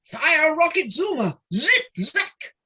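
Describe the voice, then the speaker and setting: A woman playing an excitable, spoilt gentleman toad in an amateur audio play, gushing and whooping in a husky voice. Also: high-pitched, full character voice. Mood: boastful glee. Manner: gushing, whooping, drawn-out exclamations.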